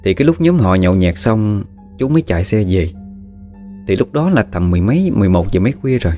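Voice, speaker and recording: A man narrating a horror story in a relaxed, conversational way with spoken fillers. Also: fairly low pitch, fast. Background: faint guitar music.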